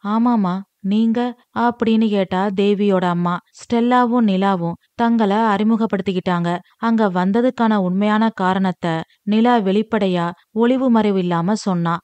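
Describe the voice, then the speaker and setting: A woman's voice: mid-range voice, normal speed, darkish tone, no echo, lo-fi sound. A woman reading a short story aloud in a plain, colloquial storytelling manner.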